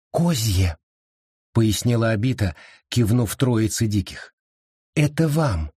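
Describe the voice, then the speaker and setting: A man narrating an audiobook in a steady, measured reading voice. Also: medium pitch, husky, dry recording, studio quality. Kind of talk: scripted narration.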